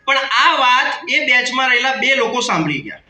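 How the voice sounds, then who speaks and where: A man's voice: very high voice, sing-song, normal speed, bright, forceful tone, echoey room, recorded from a distance, a little hiss or hum, rough recording. A man of around 30 with a Kathiawadi Gujarati accent gives a motivational business seminar talk, joking and calling out to the audience. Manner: jokey, calls out to the audience. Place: hall with an audience.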